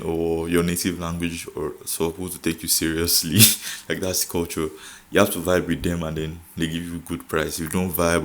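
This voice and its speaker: A young Nigerian man talks casually to the camera in his vlog, with a Nigerian accent and a low, fairly bright voice. He laughs a lot, switches between languages, and keeps saying "like" as filler.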